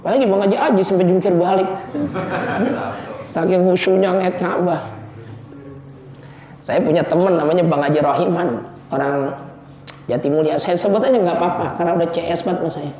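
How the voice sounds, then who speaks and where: A man preaching, telling stories with jokes and loud emotional peaks. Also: sits high, a little fast, long pauses, a crowd in the background. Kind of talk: informal religious study talk. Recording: echoey room, dull lo-fi sound.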